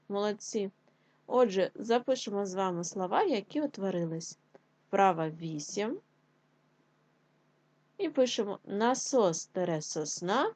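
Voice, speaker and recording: A woman teaching a young children's class, sounding out syllables slowly and patiently. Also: medium pitch, darkish tone, no echo. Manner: slow, clearly spelled-out syllables, patient. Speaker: primary school teacher. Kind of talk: slow online lesson for young children. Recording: dull lo-fi sound.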